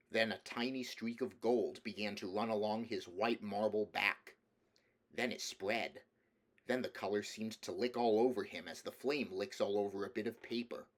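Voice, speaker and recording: A man's voice: fairly low pitch, a bit bright. A man reading a children's storybook aloud as scripted narration. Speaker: audiobook reader.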